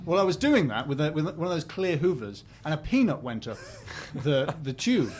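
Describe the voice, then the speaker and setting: A man's voice: a little high, very animated, moderate pace, a little mellow. A young man from County Durham, a comedian telling rambling, self-deprecating stories in a live interview before an audience. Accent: light northeast English. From County Durham, England. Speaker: comedian guest. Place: small venue with live audience.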